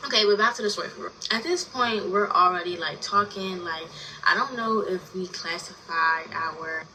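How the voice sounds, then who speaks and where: A woman's voice: fairly low pitch, normal speed, pushed and bright. A woman of twenty telling a personal story in a casual vlog, rambling and chatty with constant fillers and casual swearing. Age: 20s. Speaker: story time vlogger. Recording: distant mic with noisy background.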